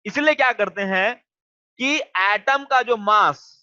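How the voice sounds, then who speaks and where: Over a dull, lo-fi recording, a man teaches online in a high voice that is bright, clear, and resonant. He takes his time, repeating questions until the students answer.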